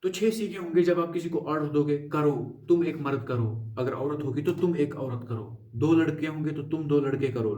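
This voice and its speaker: A man teaching Arabic grammar, coaxing and pleading with his viewers to memorize as he drills verb forms in quick lists. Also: on the high side, mellow, recorded from a distance. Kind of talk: classroom-style grammar lesson. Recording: echoey room, voice from away from the mic.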